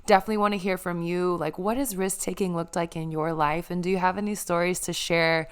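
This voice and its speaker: A woman's voice: on the low side, fairly even intonation, fairly quick, smooth. A young woman hosting a podcast, talking in an earnest, emotional way and sharing her story. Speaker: podcast host. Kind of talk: casual heartfelt chat.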